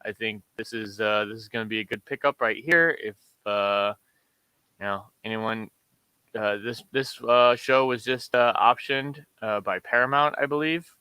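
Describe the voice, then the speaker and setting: On a comic book order show, this male co-host keeps things relaxed, filling his casual chat with plenty of "ums" while presenting covers. He speaks at a moderate pace in a lowish register; the tone is clean and echo-free, but the recording quality is rough.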